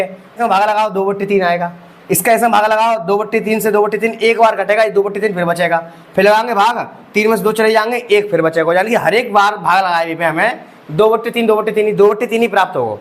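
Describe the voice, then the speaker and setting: Male maths tutor, high pitch, young adult, exam-prep lecture, rhetorical questions. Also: quick pace. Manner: talks students through each step with rhetorical questions; addresses students as bhai sahab. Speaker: maths teacher.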